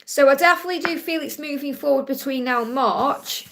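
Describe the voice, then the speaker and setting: A woman's voice: sits high, a little fast, noisy background. A woman from Stoke-on-Trent with a Stoke accent, giving a live card reading and chatting to viewers in a reassuring, direct way. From Stoke-on-Trent, England. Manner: reassuring, addresses listeners directly, often checks with "okay?". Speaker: psychic card reader hosting a live stream.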